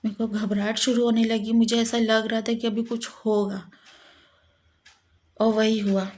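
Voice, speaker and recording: Woman, personal storytelling, gravelly voice, fairly high pitch, emotional halting retelling. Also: a little mellow. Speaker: vlogger.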